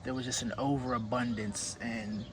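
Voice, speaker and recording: A man's voice: medium pitch, flat delivery, normal speed. Casual man talking over noticeable background noise. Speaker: whiskey review host. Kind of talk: casual solo commentary. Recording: clearly noisy background.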